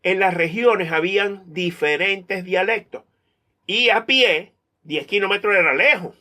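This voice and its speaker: A man giving an animated lesson to pilots, full of rhetorical questions and examples. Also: high voice, a little slow. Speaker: English teacher for pilots. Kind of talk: online lesson talk.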